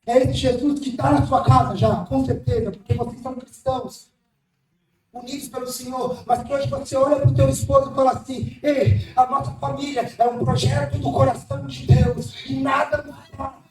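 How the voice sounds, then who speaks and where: High-voiced man preaching in an echoey hall. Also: little pitch movement, moderate pace. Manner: impassioned preaching with sudden shouts and hushed asides. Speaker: pastor. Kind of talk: sermon. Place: church hall. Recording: echoey church hall, mic at a distance, faint music.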